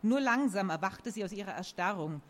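A woman reading a children's story aloud in a lively, expressive way. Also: mid-range voice, fairly quick.

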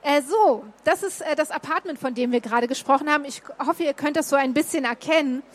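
A woman's voice: high-pitched, a little fast. A woman from Berlin chatting casually as she shows slides, with many fillers and restarts. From Berlin, Germany. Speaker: guest telling of a stay in Japan. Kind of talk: casual talk showing slides.

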